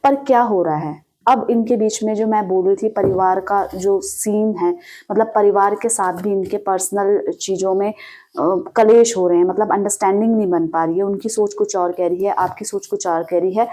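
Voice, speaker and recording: A woman's voice: medium pitch, steady tone, normal speed, dark tone. A woman giving a tarot reading straight to the listener, explaining at length, asking rhetorical questions and adding frequent fillers. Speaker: tarot reader. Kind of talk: direct-to-camera tarot reading.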